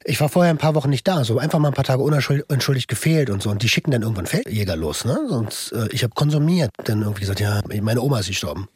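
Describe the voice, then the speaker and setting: A man with a husky, rough voice casually telling anecdotes in a blunt, slangy way. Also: mid-range voice, lively intonation, very fast, few pauses, darkish tone, no room sound, clean studio sound. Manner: blunt, slangy, acts out quotes in short bursts. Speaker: guest telling his story, former army instructor. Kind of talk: casual anecdotal storytelling in conversation.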